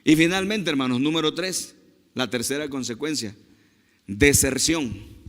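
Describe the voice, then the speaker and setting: In a church with a big-room sound, a pastor with a mid-range voice preaches a sermon to his congregation. He is emphatic, drawing out key words with slow stresses and calling his listeners brothers.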